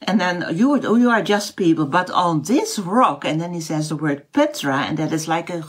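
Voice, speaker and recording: With a lowish, breathy voice and lively intonation, a middle-aged Dutch woman leads a relaxed online Bible teaching in English at a moderate pace. Her Dutch accent is evident, and as a house church teacher she often searches for words, using fillers and restarts.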